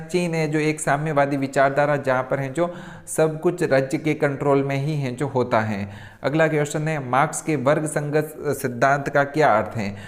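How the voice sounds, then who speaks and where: A male tutor giving an exam revision lecture. He reads out questions and answers them, and keeps slipping in the same stock filler phrase mid-sentence. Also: a little high.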